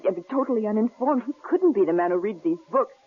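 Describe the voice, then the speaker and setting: An actress playing a nervous young wife in an old radio drama, talking in anxious, hesitant bursts. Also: female voice, mid-range voice, lively intonation, fast talker, slightly rough. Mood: frightened. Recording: tinny old radio broadcast, faint hiss.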